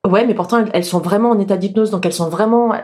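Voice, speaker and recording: A woman's voice: medium pitch, rapid-fire, a little mellow. A woman, a stage hypnotist and podcast guest, explaining her craft earnestly in casual chat, with many fillers and restarts.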